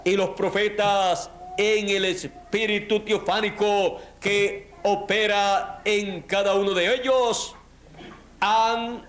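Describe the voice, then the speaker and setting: A man preaching a sermon in slow, emphatic, measured phrases, with a Latin American Spanish accent. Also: high voice, a bit bright, reverberant, a little hiss or hum.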